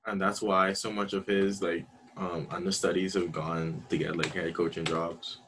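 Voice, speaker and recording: A man's voice: sits low, little pitch movement, normal speed, background noise. A man on a sports talk panel, casually debating and reasoning out his points.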